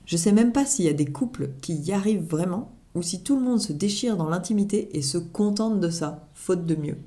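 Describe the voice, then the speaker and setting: A woman's voice: lowish voice, lively intonation, fairly quick, mellow. A woman reading her own blog article aloud as humorous personal narration, with wry, self-mocking asides.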